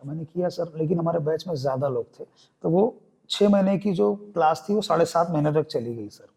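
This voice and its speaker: A young man with a Chhattisgarhi Hindi accent tells his story in a podcast interview. His voice sits high, and he keeps acting out the people he quotes. It is an easy, conversational telling. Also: a little fast, gravelly, mellow, slightly rough. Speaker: guest theatre artist.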